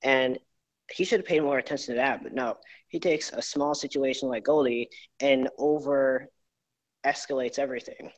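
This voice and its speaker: A man's voice: mid-range voice, fairly even intonation, moderate pace. A man speaking earnestly in a rambling way, with many fillers, his voice echoing around a home garage. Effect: echoey garage sound. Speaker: YouTuber. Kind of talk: group apology video. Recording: dull lo-fi echoey garage.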